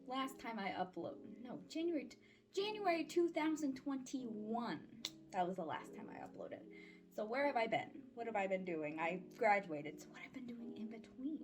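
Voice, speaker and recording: A young woman in her twenties with a high voice chats candidly in a casual life-update vlog over background music. She's a vlogger and voice-acting audio creator, very animated at a moderate pace, and her talk is slangy and playfully sarcastic.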